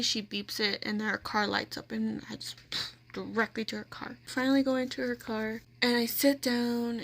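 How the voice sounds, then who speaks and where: A woman's voice: fairly high pitch, vocal fry, pushed and bright. A woman vlogger casually telling a personal story, rambling with lots of "like" fillers and restarts.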